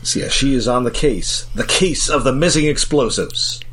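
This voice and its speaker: A man co-hosting a podcast, recapping a cartoon episode in a relaxed way with fillers and restarts. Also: mid-range voice, normal speed, a little hiss or hum, poor audio. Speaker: podcast co-host.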